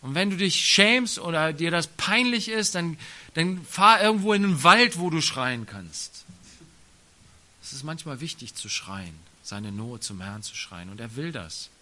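A male preacher with a bright, forward voice delivers a sermon in an emphatic style. He mixes solemn passages with casual, chatty asides and tag questions. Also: on the high side, lively intonation, unhurried.

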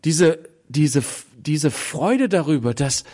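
A man preaching a sermon, telling stories dramatically with sudden swings between loud and soft and acting out the voices of the people in them. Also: on the high side, expressive, slow pace. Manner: acts out the voices of people in the story.

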